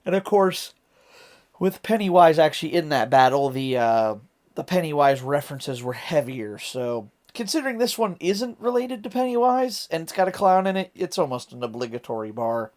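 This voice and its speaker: A man's voice: fairly high pitch, very animated, normal speed, darkish tone. American man, casual rambling reaction commentary. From Ohio, United States. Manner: rambling, thinking aloud. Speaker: reaction video host.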